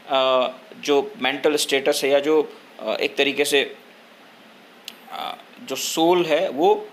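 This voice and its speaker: A young man, explaining a story line by line in a lesson, pausing often with fillers. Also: a little high, a bit bright, a little hiss or hum. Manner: slow, hesitant explaining with frequent filler pauses. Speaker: teacher.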